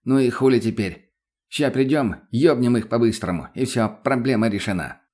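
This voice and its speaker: A man's voice: medium pitch, normal speed, a little mellow, close to an everyday voice. A man voicing a crude, mocking drug addict who swears constantly. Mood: cocky. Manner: foul-mouthed, cocky, mocking.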